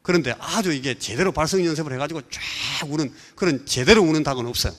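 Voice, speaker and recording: A Korean man preaching as pastor, telling an animated story and mimicking rooster crows and voices. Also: fairly high pitch, fast. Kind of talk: sermon. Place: church sanctuary. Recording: church hall reverb.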